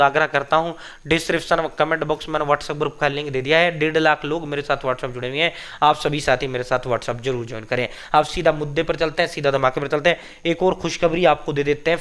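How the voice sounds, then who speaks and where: A man's voice: a little high, a bit bright. Emphatic man giving exam news. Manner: emphatic, repetitive, addresses viewers as brothers. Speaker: coaching channel host. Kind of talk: exam news and sales pitch.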